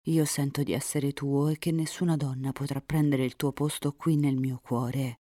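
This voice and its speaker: A woman reading aloud, voicing a proud, sincere young count who speaks earnestly and sometimes in a hush. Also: a bass voice, little pitch movement, moderate pace, no echo, clean studio sound. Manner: earnest, sometimes hushed to a whisper.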